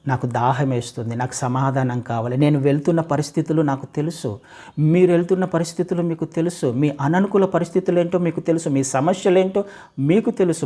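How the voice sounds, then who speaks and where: A man delivers a sermon in a somewhat high voice, stacking repeated phrases into building runs. He poses rhetorical questions straight to his listeners. He swings from loud, urgent calls down to quiet, slowed passages. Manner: rising to loud calls, then dropping low and slow; asks rhetorical questions, addresses listeners directly. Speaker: preacher.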